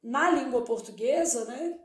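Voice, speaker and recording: This Brazilian teacher speaks high and expressively at an unhurried pace during a Portuguese exam-prep class. She asks questions and supplies the answers herself, all in an echoey space.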